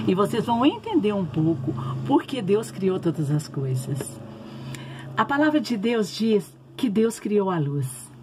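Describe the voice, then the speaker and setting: Brazilian lady doing sing-song bible storytime for little kids, simple and repeats herself, average pitch, some noise behind her. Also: darkish tone. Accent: Brazilian Portuguese. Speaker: children's Bible story teacher. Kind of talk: storytelling lesson for young children. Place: at home. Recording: noticeable background noise, home recording.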